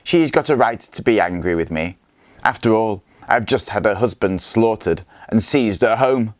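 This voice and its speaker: A man's voice: on the low side, animated, normal speed, no echo, lightly acted. A man voicing a cruel, smug Viking warlord who talks in a mocking, self-satisfied way. His lines come from a storybook read aloud.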